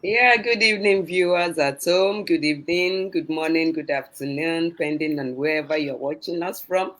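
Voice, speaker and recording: A woman from Nigeria, giving a cheerful, relaxed introduction on a live show. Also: deep voice, normal speed. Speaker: guest panelist.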